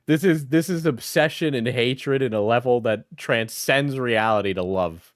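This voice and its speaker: A man's voice: medium pitch, normal speed. Blunt, mocking male commentator. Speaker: commentator reacting to a video. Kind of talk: casual reaction commentary.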